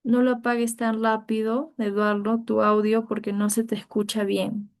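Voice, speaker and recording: A woman's voice: fairly high pitch, level tone, moderate pace. A woman teacher leading an online grammar class over a video call, patiently coaxing each student by name.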